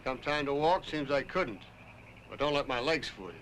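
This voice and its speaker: An actor playing a blunt, commanding middle-aged date farmer in a 1960s TV drama. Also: male voice, medium pitch, expressive, normal speed, a bit bright, a little hiss or hum, natural voice, low-quality recording. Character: gruff middle-aged male date farmer, bossy, possessive. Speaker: ranch owner.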